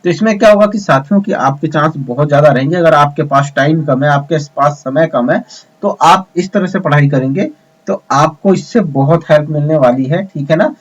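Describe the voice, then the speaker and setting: A man's voice: on the high side, normal speed. A man teaching an exam preparation lesson, repeating points and asking his students rhetorical questions. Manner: repetitive, addresses students as friends, rhetorical questions. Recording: dull lo-fi sound.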